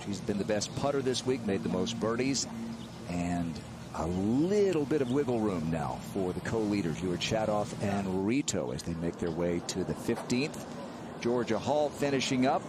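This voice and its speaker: A man's voice: lowish voice, animated, normal speed, noisy background. A man working as lead announcer, giving live golf commentary on a broadcast.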